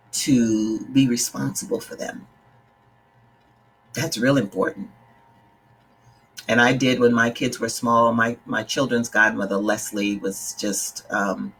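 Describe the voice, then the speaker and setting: A middle-aged life coach from the Bahamas chats casually with her livestream viewers, greeting them by name and speaking in an earnest, direct way. Her voice is a rumbling low with a slightly bright quality, and there's a little background noise.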